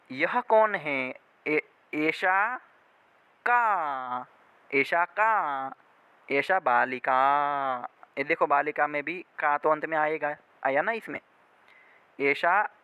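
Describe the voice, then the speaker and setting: A man teaching a spoken Sanskrit lesson, drawing out the model phrases slowly and often checking whether the class has understood. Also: on the high side, bright, forceful tone, clean tone, dry recording. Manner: slow, drawn-out model phrases with frequent check-ins.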